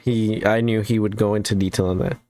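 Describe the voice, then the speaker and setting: A man's voice: fairly low pitch, level tone, a little fast, a crowd in the background. A young man streaming a casual reaction, rambling and stuttering as he jokes.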